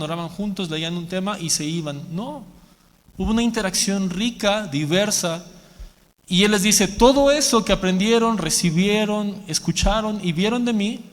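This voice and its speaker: A man preaching a sermon as a pastor, animated, leading the congregation in repeating a verse. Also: sits high. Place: church hall. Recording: long church hall reverb.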